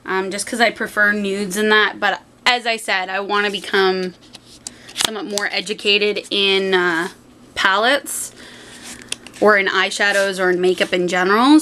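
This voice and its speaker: With someone asleep nearby, this young Canadian woman in her twenties keeps her mid-range voice fairly low as she casually unboxes and reviews products for a vlog. She's indoors in a small home room at night, captured by a camera mic set a short way off, with a faint hum of background noise.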